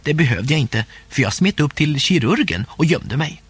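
A man narrating a humorous first-person diary story aloud in a playful, expressive way. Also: on the high side, background noise. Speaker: audiobook narrator.

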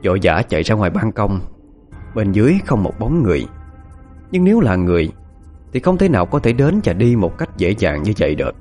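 Low-voiced man telling a ghost story. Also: very animated, a little fast, a little mellow, soft background music. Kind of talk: first-person ghost story narration.

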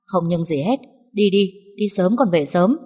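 A woman's voice: fairly low pitch, expressive, moderate pace, dark tone, husky. A woman voicing a worried young husband who speaks firmly and in a hurry. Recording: long hall reverb.

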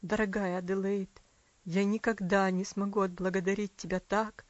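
Woman putting on a hoarse low voice for a heartbroken dad in a storybook, dry muffled audio. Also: flat delivery, moderate pace, no room sound, close to an everyday voice. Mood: anguished. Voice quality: hoarse, choked. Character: grief-stricken middle-aged father.

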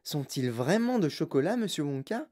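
A woman's voice: low voice, very animated, normal speed, mellow. A woman voicing a kind, eager young boy full of wonder in a storybook reading. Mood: eager curiosity.

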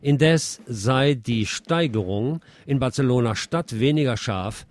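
A male radio presenter reads the news at a middling pitch, following a script but slipping in dry, wry asides. He sounds animated yet takes it slowly.

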